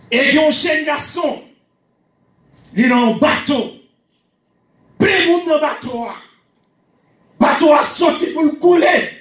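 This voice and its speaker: High-voiced Haitian preacher shouting in echoey hall. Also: male voice. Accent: Haitian Creole. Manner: preaching with frequent shouted emphasis and repeated phrases. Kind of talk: sermon. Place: small church hall with pulpit. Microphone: handheld microphone. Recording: echoey church room, camera from a distance.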